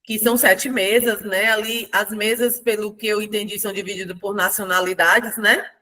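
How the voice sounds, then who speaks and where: A woman with a mid-pitched voice leads a casual book discussion. She reflects aloud, laughs lightly between points, and keeps the talk moving among the group. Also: steady tone, moderate pace, sharp tone. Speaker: book club host.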